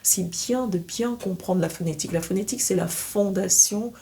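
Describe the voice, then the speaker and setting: A woman's voice: mid-range voice, mellow, slight background noise. A French-speaking woman teaching English pronunciation, repeating sample words and sentences as she explains. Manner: demonstrates words slowly, repeating them. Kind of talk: pronunciation lesson.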